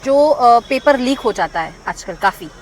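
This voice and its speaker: A man's voice: very high-pitched, expressive, a little slow. A man asking questions as an interviewer in a casual street interview. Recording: noisy outdoor street recording.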